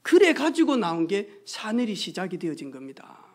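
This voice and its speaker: A pastor preaching a sermon, telling stories with acted-out quotes and hushed asides. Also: medium pitch, big pitch swings, moderate pace. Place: church sanctuary.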